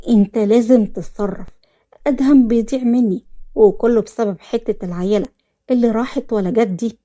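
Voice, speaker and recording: A woman's voice: on the high side, fairly quick, warm tone, natural voice. A woman with an Egyptian accent voicing a jealous, manipulative young woman who whines and pleads. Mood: scheming.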